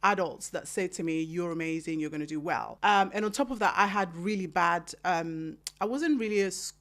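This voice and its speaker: A woman in her thirties, from Kenya, telling her life story as an author in an interview, with emphatic, animated delivery and acted-out quotes. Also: fairly low pitch, fairly quick. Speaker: author and guest.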